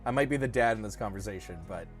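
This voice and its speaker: A man's voice: on the low side, fast talker, soft background music. A middle-aged man co-hosting a casual livestream, rambling and joking as he restarts his sentences. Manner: rambling, self-correcting, jokey. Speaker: co-host of a crypto dev livestream.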